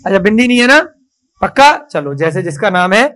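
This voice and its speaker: A man teaching children to write a script in a classroom, coaxing and praising them and spelling out each stroke slowly. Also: high voice, sing-song, a bit bright, low-quality recording.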